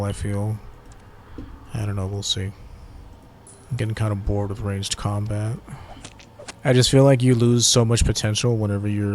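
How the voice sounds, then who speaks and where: A tired-sounding man with a fairly low voice gives casual let's-play game commentary, laid-back and slangy, swearing whenever something goes wrong. There's slight background noise.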